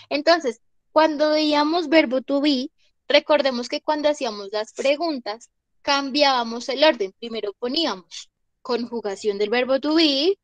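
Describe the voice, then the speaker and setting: A woman explains grammar at a very unhurried pace, stretching out each example sentence. Her voice sits a little high, and it was recorded in a dry space with no echo. She pauses often to check that her students are following. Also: a bit bright. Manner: slow, drawn-out model sentences. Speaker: English teacher. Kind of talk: online class explanation.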